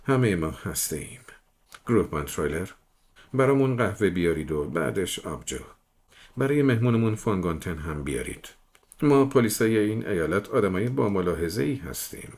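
A man voicing a shrewd police detective who persuades a suspect in a smooth, patient manner. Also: low voice, very animated, darkish tone. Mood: coaxing. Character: shrewd coaxing middle-aged male police detective.

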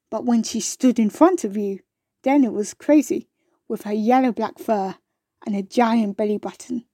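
A woman reading a children's storybook aloud in a gentle, unhurried way, now and then turning to ask the listener questions. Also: on the high side, dry recording, clean studio sound.

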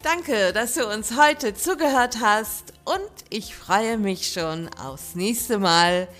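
A woman's voice: medium pitch, slow, fairly bright tone, faint music behind. A woman hosting a book podcast, giving a friendly, scripted outro. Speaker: podcast host.

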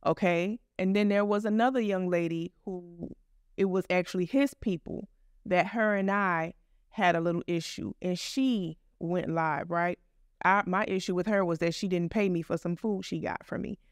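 Smooth-voiced woman telling a blunt story. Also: lowish voice, no room sound, studio quality. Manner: blunt, profane, animated retelling. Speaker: podcast host. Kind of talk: casual storytelling.

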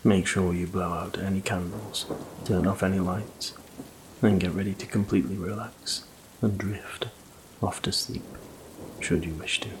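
Male sleep story narrator: deep and flat-toned, hushed, unhurried, calming, rain in the background. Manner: slow, calm, hushed, relaxing delivery. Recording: faint noise under rain ambience. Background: rain ambience.

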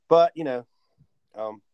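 A man co-hosting a podcast in casual chat, easygoing and quick to laugh, rambling through his thoughts. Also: mid-range voice, darkish tone, no echo, lo-fi sound. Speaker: podcast co-host.

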